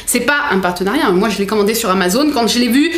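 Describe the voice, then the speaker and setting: A young woman chatting as a book vlogger, excitable and full of fillers. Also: fairly high pitch, fast talker. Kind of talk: casual unboxing chat. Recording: echoey room.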